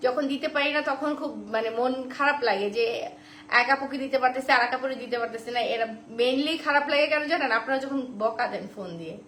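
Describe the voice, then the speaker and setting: A high-pitched woman runs a live-stream sales pitch, chatty and repeating every price and offer. Her voice rings around a roomy, echoey space. Faint noise hums behind her. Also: fairly bright tone. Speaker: online shop seller.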